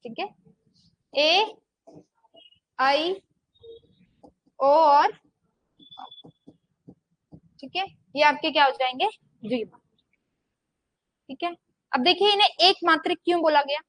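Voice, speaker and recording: A high-voiced young woman, a Hindi teacher, lectures on grammar in an even rhythm, asking the class something, pausing, and supplying the answer herself. She elongates vowels for demonstration, and the close, dry recording has no room sound or echo.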